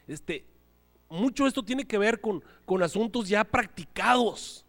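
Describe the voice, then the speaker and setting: A man preaching a sermon, animated, acting out little scenes and voices as he goes. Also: high voice, measured pace, faint music behind. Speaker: pastor. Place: church hall. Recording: live church hall reverb.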